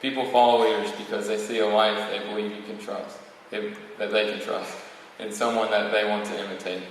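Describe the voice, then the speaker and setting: Speaking to an audience in a big, highly echoing room, a young male valedictorian around eighteen reads his prepared speech from a podium, stumbling occasionally. His pitch sits on the low side and barely moves, and his pace is fairly quick. A distant microphone captures him along with faint noise.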